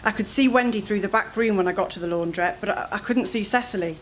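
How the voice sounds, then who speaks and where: Woman, author reading, first-person fiction, expressive, anxious, mid pitch, faint background noise. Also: quick pace, poor audio. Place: literary event, indoors.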